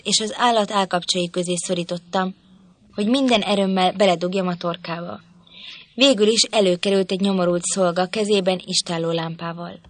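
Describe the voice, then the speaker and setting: A woman narrating an audiobook in an expressive reading voice. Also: fairly low pitch, no echo. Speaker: audiobook reader. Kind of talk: scripted narration.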